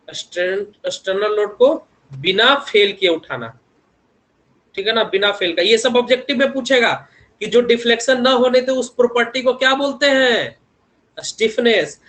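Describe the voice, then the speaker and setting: High-pitched young male lecturer a lilt, chatty teaching tone full of check-ins and homely examples. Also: normal speed, fairly bright tone. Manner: repeats tag questions constantly, homely examples. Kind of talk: online engineering lecture.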